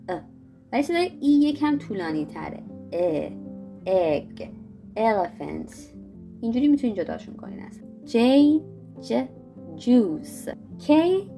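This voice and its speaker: A young woman teaching a casual video lesson, talking to viewers in a friendly way and sounding out letters slowly. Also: mid-range voice, a little mellow. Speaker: English teacher.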